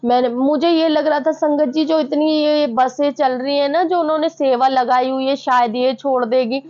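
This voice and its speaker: A woman's voice: sits high, fairly even intonation, moderate pace, a little mellow. A young woman earnestly recounting a personal devotional experience to fellow devotees, often addressing them directly. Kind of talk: emotional testimony to a devotional audience. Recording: slightly dull lo-fi sound.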